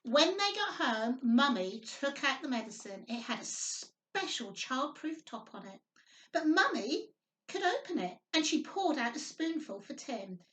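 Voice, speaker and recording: The storytime host, a nursery worker, reads to young children and chats with them simply, in a sing-song manner full of tag questions. Her voice sits high and is very animated, a little slow and a bit bright, with echo from a distant microphone in a roomy space.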